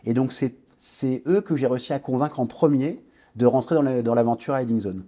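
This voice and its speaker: Speaking briskly in a dark, mid-range voice, a man in his forties from French Guiana tells the story of his business career as a podcast guest. He often hesitates and starts his sentences over.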